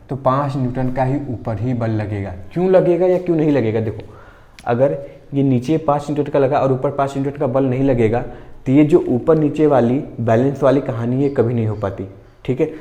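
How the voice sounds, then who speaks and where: A man's voice: mid-range voice, dark tone. A man teaching a physics lesson for exam preparation, explaining with everyday examples and often checking whether his students have understood. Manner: conversational, repeatedly checking understanding with the class.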